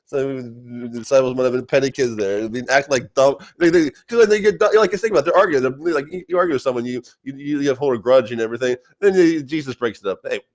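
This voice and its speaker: A man's voice: mid-range voice, fast, few pauses. A man in a casual vlog, rambling through a Bible passage while eating and repeating words. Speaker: vlogger.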